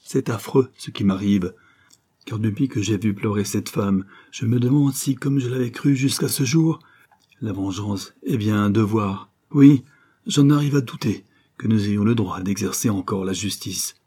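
A man with a lowish, warm, slightly rough voice reads an audiobook at a measured pace. He voices an anguished young avenger, a son torn by conscience, who speaks to his mother in an earnest, solemn, pleading way.

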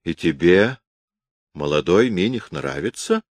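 A man's voice: sits low, animated, unhurried, dry recording, heavily acted. A man voicing a cunning, mocking count in a historical audiobook. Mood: sly.

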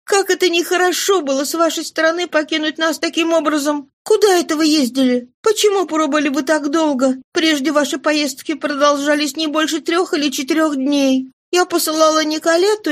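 A woman voicing a lively, affectionate young woman in an audiobook reading, in a high, animated voice. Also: brisk, few pauses, close to an everyday voice. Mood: reproachful.

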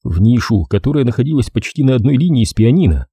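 Male audiobook narrator, lively ironic reading, very dark mellow tone, husky, dry close sound. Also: medium pitch, quick pace, no echo. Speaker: audiobook reader. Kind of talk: scripted narration.

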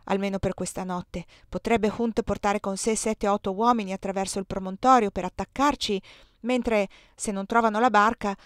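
A woman's voice: mid-range voice, steady tone, normal speed, no room sound, close to an everyday voice. Woman reading a determined young maid, pleading and urgent, dry sound.

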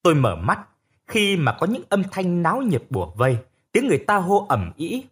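A man narrating a first-person audiobook story in an expressive storytelling manner. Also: high voice, normal speed, slightly rough.

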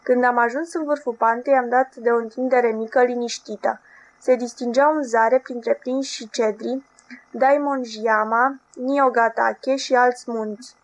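A woman narrating an audiobook novel in a steady, even reading voice. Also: fairly high pitch.

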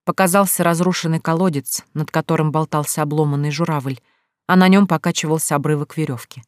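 An audiobook narrator reading scripted narration in a steady, even storytelling manner. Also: mid-range voice, brisk, dry recording, studio quality.

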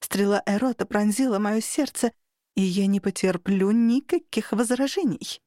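A woman voicing a seductive, imperious sorceress, speaking in a slow, coaxing way. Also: medium pitch, dark tone, no room sound, studio quality, close to an everyday voice. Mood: languid. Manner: slow, coaxing delivery, sometimes whispered.

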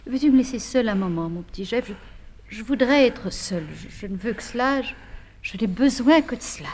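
A woman's voice: a little high, moderate pace, a little hiss or hum, close to an everyday voice. A woman playing a distraught woman who hides her grief and pleads to be left alone, in a 1950s stage comedy recording. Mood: upset, pleading. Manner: pleading, tearful. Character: distraught, secretive woman holding back tears.

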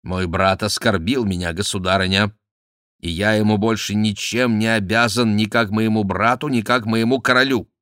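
A man's voice: fairly low pitch, steady tone, moderate pace, a bit bright, no echo, studio quality, lightly acted. A man voicing a proud, sly young royal duke who answers his mother with emphatic, indignant exclamations. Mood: defiant.

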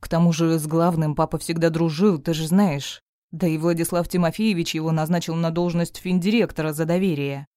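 A woman's voice: sits low, fairly even intonation, fairly quick, dark tone, no room sound, studio quality, natural voice. A woman voicing a distraught middle-aged mother who speaks in a trembling, tearful way in an audiobook.

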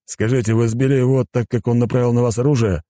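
A man's voice: medium pitch, steady tone, fast, mellow, no room sound, studio quality, voice pushed up, lightly acted. A man voicing a weary, grumbling police inspector about to retire. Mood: exasperated. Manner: grumbling, exasperated.

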